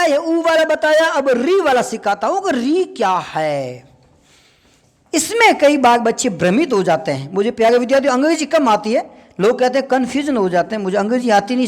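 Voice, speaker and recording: A male teacher giving a classroom grammar lesson, repeating key points and firing quick questions at his students. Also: very high-pitched, big-room sound.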